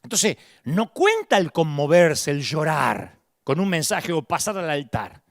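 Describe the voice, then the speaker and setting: A man's voice: fairly high pitch, huge pitch swings, unhurried, dry recording, studio quality. A middle-aged man with an Argentine accent preaching a sermon, dramatic and acting out the voices of the people he quotes. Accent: Rioplatense Spanish. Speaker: pastor.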